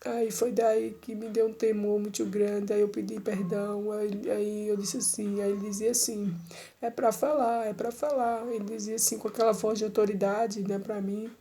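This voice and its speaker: A woman's voice: mid-range voice, monotone, normal speed, hardly any pauses, dark tone. A middle-aged woman giving an emotional personal church testimony, repeating herself and addressing listeners tenderly.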